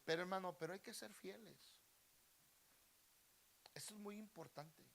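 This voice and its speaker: A man's voice: high-pitched, normal speed, gravelly, a bit bright, slight background noise. A man, a pastor preaching a sermon with fervor and often addressing listeners as brother. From Mexico.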